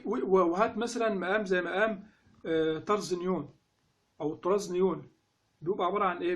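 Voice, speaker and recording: A man with an Egyptian accent giving a casual spoken lesson on recitation, lively and full of rhetorical questions. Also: high voice. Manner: animated, asks rhetorical questions. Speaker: instructor on Quran recitation.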